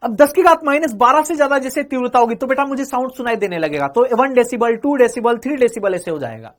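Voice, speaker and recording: This is an exam-prep lecture from a male physics teacher whose voice is notably high, his intonation lively and his speech fast. Addressing the students as "beta", he keeps posing questions only to answer them himself, and he repeats every phrase two or three times.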